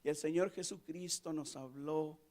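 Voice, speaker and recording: A man preaching in a church. He repeats key phrases for emphasis and swings between soft asides and loud, passionate peaks, then leads a closing prayer. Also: a little high, steady tone, moderate pace. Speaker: pastor. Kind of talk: Spanish-language sermon and closing prayer. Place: church sanctuary.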